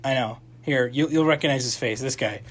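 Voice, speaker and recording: A young man co-hosting a campus radio movie show, talking casually in a rambling, animated way full of restarts and fillers. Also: mid-range voice, fairly quick. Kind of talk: casual movie review chat.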